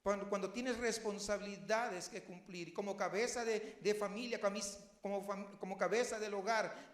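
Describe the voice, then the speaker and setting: A man's voice: high-pitched, reverberant. A man preaching a heartfelt, personal sermon that builds to emphatic questions. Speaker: pastor.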